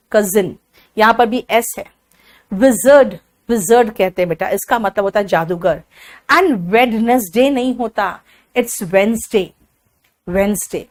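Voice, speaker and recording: A woman from Bihar teaching spoken English, drilling each word slowly and calling her students "beta". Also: a little high. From Bihar, India.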